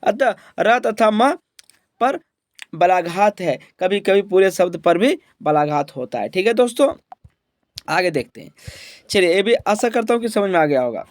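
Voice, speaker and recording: A man's voice: sits high, animated, unhurried, dry recording. A man teaching a grammar exam lesson, asking the class questions and answering them himself, with frequent checks that they follow. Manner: repeats each point as a question and answer, "ठीक है?" checks.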